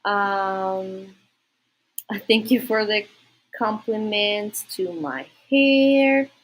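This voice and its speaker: A Russian woman with a Russian accent hosts a livestream, chatting casually and directly with viewers. Her voice is medium-pitched and very slow, and the recording is rough.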